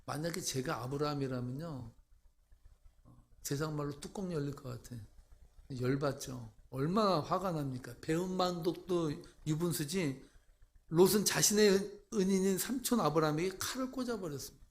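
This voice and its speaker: A man's voice: on the high side, normal speed. A male pastor preaching a sermon, emphatic and putting rhetorical questions to the congregation.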